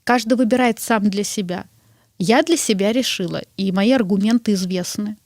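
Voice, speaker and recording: Dry, close-miked woman explaining calmly. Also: medium pitch, no echo. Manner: measured, explaining, appeals to the listener. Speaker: guest. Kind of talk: interview answers.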